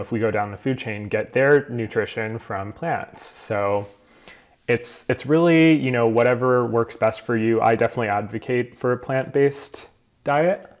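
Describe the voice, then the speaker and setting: A man talking casually as a skincare vlogger, relaxed and chatty with many fillers, eating while he talks. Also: medium pitch. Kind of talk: casual explainer vlog.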